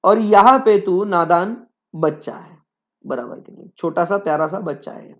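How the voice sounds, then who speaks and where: A man's voice: sits high, a little slow, a bit bright, dull audio. A male teacher giving a live online lecture, talking conversationally and repeatedly checking in with his students.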